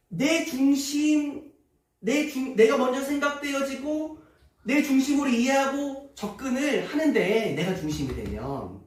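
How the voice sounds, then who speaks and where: A man preaching a sermon, telling a story in an animated way and often laughing. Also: extremely high pitch. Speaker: pastor. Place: church sanctuary. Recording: echoey church hall from far off, faint noise.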